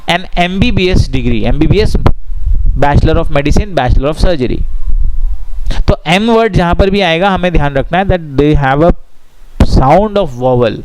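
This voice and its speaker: A man with an Indian accent teaching grammar in a lesson, patiently asking and answering his own questions and reading rules out slowly. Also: fairly high pitch, slight background noise, rough recording. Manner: reads English rules slowly and deliberately. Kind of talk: explanatory lesson mixing Hindi and English.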